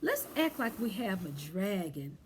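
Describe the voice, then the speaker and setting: With a medium-pitched, sing-song voice and a slightly slow delivery, a woman runs a library storytime for young children, cheering them on through rhymes, songs, simple activities and craft talk. There's noise in the background.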